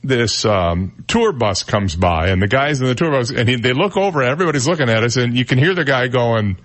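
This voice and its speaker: A man's voice: mid-range voice, expressive, a little fast, a bit bright. A man hosting a radio talk show, telling rambling self-deprecating stories. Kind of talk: casual chat on radio. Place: radio studio.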